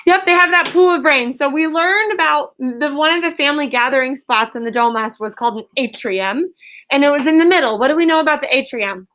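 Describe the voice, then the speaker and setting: In a classroom full of pupils, an elementary school teacher with a high, fairly bright voice leads a lesson at a fairly quick pace. She directs questions at the children and repeats their answers back to confirm them.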